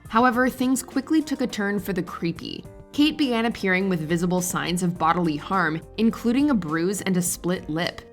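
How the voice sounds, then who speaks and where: A woman reading a scripted countdown narration in an even, measured way. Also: medium pitch, faint music behind.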